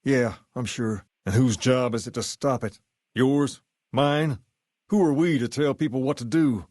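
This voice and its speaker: A man playing a self-assured, folksy gang boss in a video game, with a Southern US accent and a measured way of talking. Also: medium pitch, a little mellow, no room sound, clean studio sound, lightly acted. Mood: firm, defiant. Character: charismatic, folksy male gang boss styled on a rock-and-roll idol. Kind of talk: video game character dialogue.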